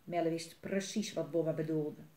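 A woman reading a children's book aloud in a lively, expressive way. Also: low voice, normal speed, roomy sound. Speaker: storyteller.

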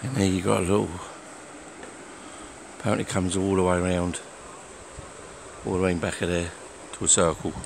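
A plain-spoken man with a lowish voice talks unhurriedly while walking by a lake. He is recorded outdoors on a handheld phone camera, with faint outdoor noise behind him. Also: flat delivery, normal speed, vocal fry, pauses often. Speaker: angler filming his fishing trip. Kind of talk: casual walk-and-talk vlog.

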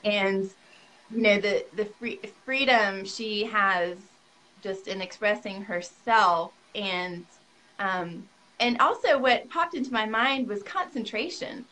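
A woman's voice: medium pitch, slow, bright, forceful tone, low-quality recording. Enthusiastic woman hosting a video interview. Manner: enthusiastic, effusive, laughs often. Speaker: workshop host, interviewer. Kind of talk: casual interview talk. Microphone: video call.

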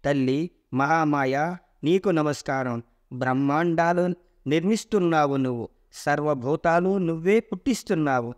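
Personified holy scriptures in a myth retelling, reciting praise in a devotional, chant-like rhythm, as a male reader voices them. The voice sits a little high and stays reverent. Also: darkish tone, lightly acted.

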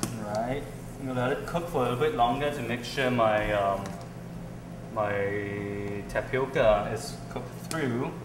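A man's voice: medium pitch, unhurried, reverberant, background noise. A young man from Singapore hosting a cooking show, chatting casually and hesitantly with many ums while he cooks in a large indoor kitchen, picked up by a camera some way off. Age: young adult.

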